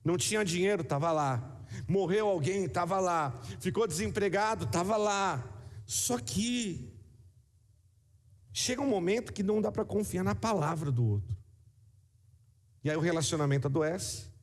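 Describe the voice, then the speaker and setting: A man's voice: high-pitched, normal speed, big-room sound. A man with a Brazilian accent, preaching a sermon in a conversational way, with repetitions and asides to the congregation. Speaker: pastor.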